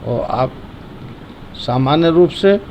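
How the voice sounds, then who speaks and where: Guy teaching hymn pronunciation real slow, kinda high voice, faint hum behind. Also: lively intonation, a little mellow, highs cut off. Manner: slow, careful, chants verses then corrects syllables. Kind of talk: patient recitation lesson.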